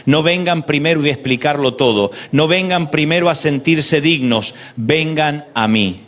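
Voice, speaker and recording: Man, Rioplatense Spanish accent, preacher, emphatic devotional sermon, repeated phrases, drawn-out pauses. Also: a little high, fairly bright tone. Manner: emphatic, with rhythmic repetition and slow dramatic pauses.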